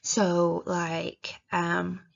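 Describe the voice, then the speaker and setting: A woman's voice: on the low side, completely flat delivery, very slow, vocal fry. A woman giving casual writing advice in a chatty way, with lots of fillers, and acting out how readers react. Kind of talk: casual instructional talk. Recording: dull lo-fi recording.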